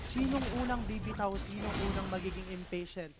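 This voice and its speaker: An esports caster breaking down plays in emphatic, fast commentary, tagging points with a quick "no". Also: medium pitch. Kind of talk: analytical game commentary. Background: music.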